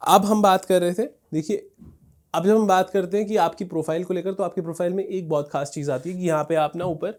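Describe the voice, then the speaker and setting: A man's voice: sits high, fairly even intonation, a little fast, a little mellow. A man teaching a casual screen-share tutorial, talking conversationally with frequent fillers and check-ins. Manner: conversational, repeats "thik hai" and "dekhiye", frequent fillers. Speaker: instructor teaching Instagram growth.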